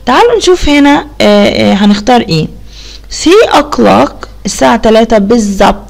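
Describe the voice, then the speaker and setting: A woman with an Egyptian Arabic accent explains an English lesson for primary pupils, patiently asking questions, praising answers and repeating English words slowly. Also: a little high, lively intonation, vocal fry. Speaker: English teacher.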